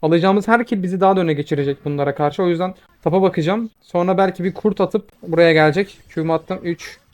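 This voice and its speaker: A young man giving quick, excitable commentary over his own gameplay, swearing when frustrated. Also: high-pitched. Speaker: gaming video creator.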